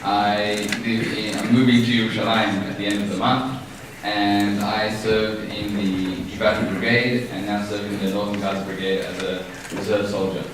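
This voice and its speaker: A man in his twenties organizing a visit, making brisk, matter-of-fact announcements in a large school hall. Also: lowish voice, level tone. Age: 20s. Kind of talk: brief announcements. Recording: echoey hall, voice from far off, noisy.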